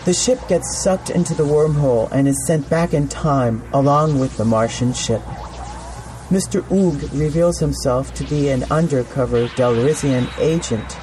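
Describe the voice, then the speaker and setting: A man's voice: a little high, moderate pace, darkish tone, a little hiss or hum. A man telling a playful, campy sci-fi story in scripted narration.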